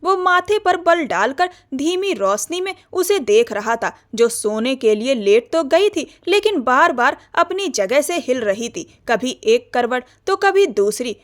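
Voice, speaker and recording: A woman's voice: sits high, sing-song, unhurried, hardly any pauses. A woman narrating a romance novel as an audiobook, telling the story expressively.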